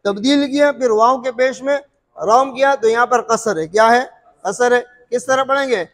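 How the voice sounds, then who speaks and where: A man's voice: extremely high pitch, normal speed, fairly bright tone, in a large hall. A man teaching Quran recitation rules, repeating terms, quizzing his listeners and drawing out sung examples. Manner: frequent filler "what's it called". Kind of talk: explaining recitation rules to students.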